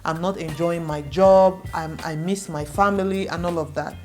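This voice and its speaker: In her advice vlog, a young Igbo-speaking woman from Nigeria addresses the camera to reassure viewers, repeating herself for emphasis. Her lowish, somewhat dark voice stays steady at a normal pace, and faint music sits in the background.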